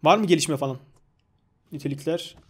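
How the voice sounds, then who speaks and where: Young male gaming commentator, slightly high voice, loud and excitable, cursing at the screen from a home desk mic. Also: a little fast, husky. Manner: excitable, shouts at the game, swears. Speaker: gaming YouTuber. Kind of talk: casual gameplay commentary.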